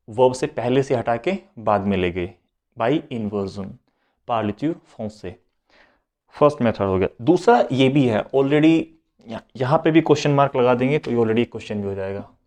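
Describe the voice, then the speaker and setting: A French teacher with a medium-pitched, slightly mellow voice gives a slow, explanatory beginners' lesson, switching between Hindi and English and repeating every point.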